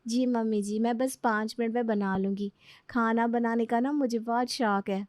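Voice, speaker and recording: A woman voicing a lazy, carefree young bride who talks in a drowsy, drawn-out voice. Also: fairly high pitch, steady tone, darkish tone, no room sound, clean studio sound, voice pushed up, natural voice. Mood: breezy, carefree.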